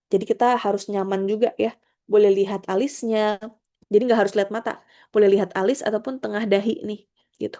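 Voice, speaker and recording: A woman's voice: medium pitch, dark tone. A woman giving an online career workshop talk, friendly and informal, with frequent fillers, speaking over a video call.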